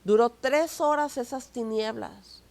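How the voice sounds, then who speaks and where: A woman pastor with a Mexican Spanish accent delivers a sermon in a fairly high voice. She keeps checking in with her listeners through tag questions and moves between quiet, confiding asides and emphatic declarations. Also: measured pace, vocal fry.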